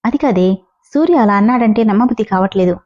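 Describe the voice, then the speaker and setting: A woman voicing a sharp, demanding young lawyer who speaks firmly and questions hard. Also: mid-range voice, lively intonation, fast talker, highs cut off, close to an everyday voice. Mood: stern. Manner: firm, questioning.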